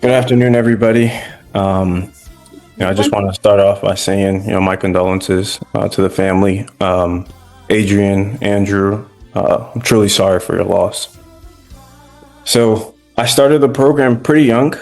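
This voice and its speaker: Young man with a low voice, earnest. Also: steady tone, normal speed, a little mellow, faint music behind. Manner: earnest, casual with fillers. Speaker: former student giving a reflection. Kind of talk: spoken tribute.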